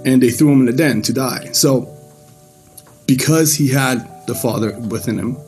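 A man's voice: medium pitch, moderate pace, faint music behind. Casual man sharing his faith story. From Iran. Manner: casual and relaxed, with frequent "um" and restarts. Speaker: speaker giving his church testimony. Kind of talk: personal faith testimony talk.

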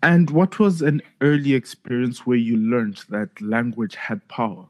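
A man's voice: medium pitch, steady tone, unhurried. A man hosting a podcast, reading a scripted intro and asking polite interview questions. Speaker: podcast host.

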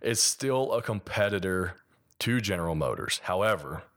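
A man's voice: low voice, expressive, normal speed, fairly bright tone. A man with a mild Appalachian accent from Kentucky, hosting a solo podcast and explaining things conversationally with examples. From Kentucky, United States. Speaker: podcast host and sports designer.

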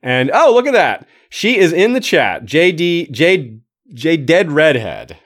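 A man's voice: on the high side, big pitch swings, a little slow. A man hosting a livestream, reading a listener's comments aloud and adding his own casual remarks. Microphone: streaming microphone.

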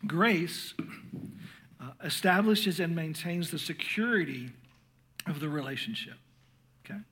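A middle-aged man teaching parents in an earnest, passionate sermon, stumbling over restarts, his voice growing hoarse. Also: on the high side, animated, a little slow, a bit bright. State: losing his voice.

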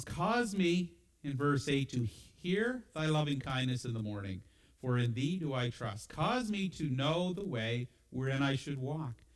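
A man's voice: fairly high pitch, rough recording. A man preaching a sermon, asking his listeners rhetorical questions and quoting scripture. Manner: animated, asks the congregation rhetorical questions.

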